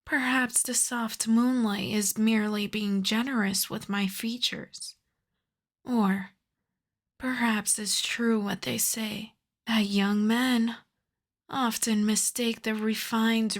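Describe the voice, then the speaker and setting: A woman playing an ancient aristocratic vampire countess in an ASMR roleplay, soft and breathy with whispers, speaking in a refined, coy, teasing way. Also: mid-range voice. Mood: flattered, coy. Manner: refined, coy, formal old-fashioned phrasing. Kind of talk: ASMR roleplay, slow intimate scripted monologue.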